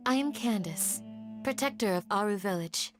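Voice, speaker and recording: A woman's voice: mid-range voice, animated, normal speed, music in the background, lightly acted. An actress playing a polite, protective female village guardian who speaks formally and firmly in video game dialogue. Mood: composed. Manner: formal, gentle but firm.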